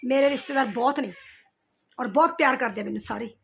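A middle-aged woman vlogger fires back at people who roasted her, ranting heatedly straight into the camera. Her voice is high and gravelly with a quick pace, and she scolds, confronts, and repeats her points. A slight hiss or hum sits under the audio.

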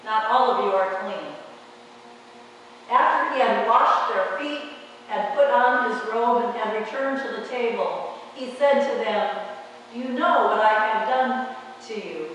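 Slow-reading woman in an echoey church. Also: fairly high pitch, fairly bright tone, slight background noise. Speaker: pastor. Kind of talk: reading scripture in a worship service. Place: church sanctuary, large, indoors. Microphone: far camera at the back of the church. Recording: echoey church hall from far off.

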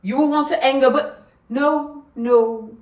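A woman performing a prophetic fortune teller in a stage monologue, swinging from hushed to shouted. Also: sits high, unhurried, echoey room, distant mic. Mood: ominous. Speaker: student actor performing a monologue.

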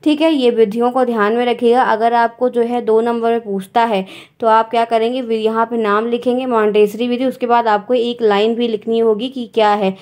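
A woman's voice: on the high side, fairly even intonation, normal speed, darkish tone. A woman teacher, giving an exam-prep grammar lesson and explaining step by step while checking in with her students.

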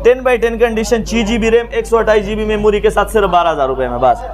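A man in his thirties with a Pakistani accent speaks in a notably high voice. He pitches like an eager phone shop salesman talking to camera, repeating key selling points in practised patter. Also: quick pace. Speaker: mobile phone shop seller. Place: small open-fronted mobile phone shop stall.

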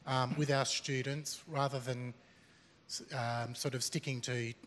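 A man's voice: mid-range voice, flat delivery, a little slow, fairly bright tone, slight background noise. A man on a college staff speaking from the audience, hesitant with many fillers. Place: large semi-open hall. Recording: long hall reverb.

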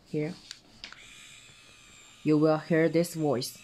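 A man giving a hands-on tutorial, explaining each step in halting, simple phrasing as he demonstrates a device. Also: on the high side, flat delivery, mellow, a little hiss or hum. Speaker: product demonstrator.

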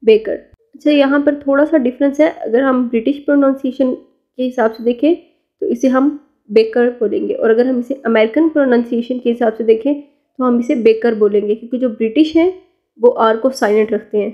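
A woman's voice: on the high side, fairly quick, muffled recording. A woman teacher giving a vocabulary lesson, drilling students with patient questions and answers.

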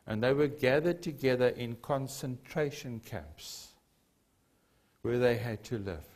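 With a medium-pitched, slightly mellow voice, lively intonation and a measured pace, an older pastor gives a sermon. He's a native Afrikaans speaker from South Africa with a South African accent, and he stresses his points earnestly and repeats key phrases in a church hall that has a lectern and a cross.

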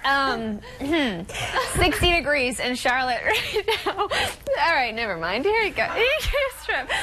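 High giggling woman weather presenter. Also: big pitch swings, moderate pace, sharp tone. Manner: laughing uncontrollably while trying to present. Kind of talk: live broadcast giggling fit. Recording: noisy broadcast clip.

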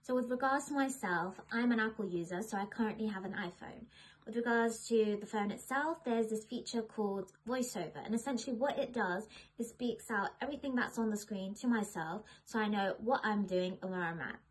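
A woman's voice: medium pitch, fairly quick, husky, low-quality recording. Young woman explaining to camera. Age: young adult. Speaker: presenter demonstrating phone accessibility. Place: living room indoors, on a sofa.

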